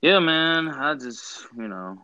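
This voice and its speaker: Animated young man in slangy bro talk. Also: fairly high pitch, slow, clean tone, no echo. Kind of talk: casual banter. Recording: dull, dry lo-fi sound.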